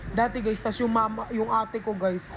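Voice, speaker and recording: A woman's voice: a little high, steady tone, normal speed, noisy background. A woman telling a rambling story on a casual livestream, talking into a phone and calling her viewers guys and be.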